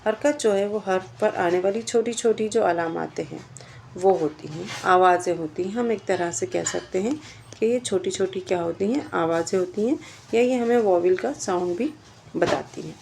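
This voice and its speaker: A woman's voice: medium pitch, gravelly, darkish tone, slight background noise. A woman teaching a grammar lesson, explaining step by step and asking questions that she then answers herself. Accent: Indian Urdu.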